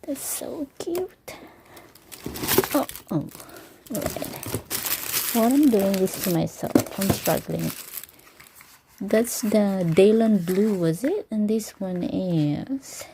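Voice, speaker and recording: Slow, gravelly-voiced woman gushing over little things. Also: mid-range voice, background noise. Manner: excited, gushing, often drops to whispers. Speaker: vlogger. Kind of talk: casual unboxing vlog. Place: home, bedroom at night.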